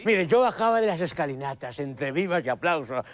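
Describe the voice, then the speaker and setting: A man's voice: on the high side, expressive, fairly quick, lightly acted. A man playing a boastful, foul-mouthed football coach, in a sketch press conference before a laughing audience. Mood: mocking, brash. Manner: boastful, insulting, shouting at players. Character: brash foul-mouthed Spanish-accented male football coach.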